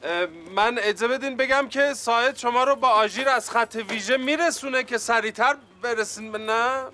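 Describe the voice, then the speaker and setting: A man's voice: extremely high pitch, background noise. An actor playing a pompous, boastful male police detective in a TV sitcom, talking formally and self-importantly. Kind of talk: TV sitcom acting.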